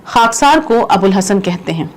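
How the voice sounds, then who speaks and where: A woman's voice: medium pitch, animated, lightly acted. A woman reading aloud the part of a young man who pleads with his mother to get him freed. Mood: pleading. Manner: read aloud from a play script.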